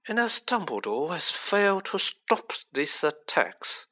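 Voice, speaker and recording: Storybook villain , played by a man: icy aristocrat, silky and superior, unhurried, higher-voiced. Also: big pitch swings, bright, forceful tone, full character voice. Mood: smug, cold. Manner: smooth, drawling, condescending. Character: smooth, sneering, cold aristocratic male villain.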